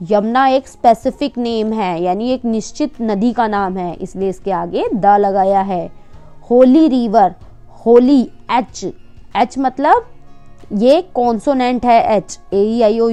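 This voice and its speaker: Female teacher, Indian accent, slightly high voice, very slow and patient lesson delivery. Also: darkish tone. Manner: slow, patient explaining, reads English sentences very slowly. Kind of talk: worksheet lesson explaining English grammar in Hindi.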